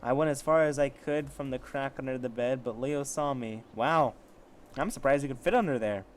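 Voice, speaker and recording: This amateur story reader has a mid-range voice and speaks at a normal speed over a slight hiss or hum. He reads amateur fiction in a casual way, peppering it with sarcastic and profane asides.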